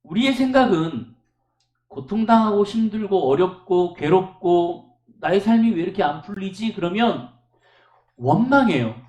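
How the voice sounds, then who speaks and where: A male pastor delivers a sermon in an echoey church room, his voice sitting high and swinging widely in pitch. He tells stories with strong emphasis and keeps asking the congregation rhetorical questions. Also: lively intonation, moderate pace, darkish tone. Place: church service.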